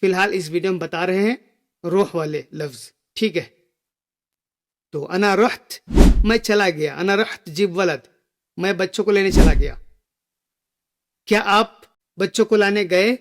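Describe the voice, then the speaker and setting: A man teaching a spoken language lesson, slowly repeating each phrase for learners. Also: sits high. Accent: Gulf Arabic phrases within Hindi speech. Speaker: Arabic teacher.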